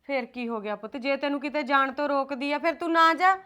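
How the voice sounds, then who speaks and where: A woman's voice: sits high, brisk, bright, forceful tone. A middle-aged actress playing a patient mother who soothes and admonishes her grown children. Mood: soothing. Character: patient mother pleading for family peace. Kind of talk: film drama dialogue.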